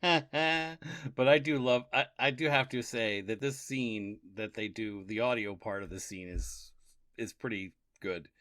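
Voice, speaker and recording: A man's voice: mid-range voice, measured pace, fairly bright tone. A man co-hosting a casual podcast, agreeing readily and laughing easily as he chats about a radio series. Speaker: podcast co-host.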